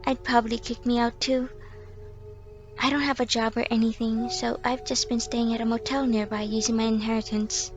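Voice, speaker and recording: A woman's voice: a little high, little pitch movement, normal speed, lo-fi sound, over music, lightly acted. A woman playing a timid, self-loathing young female stalker in an ASMR role-play, sweet and eerily obsessive, rambling with nervous apologies. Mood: ashamed, downcast.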